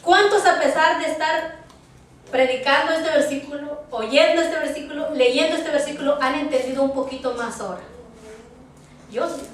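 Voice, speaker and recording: A woman preaching a sermon, emphatic, rising to high pleading tones when she quotes people. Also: moderate pace. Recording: echoey hall from far off, faint noise.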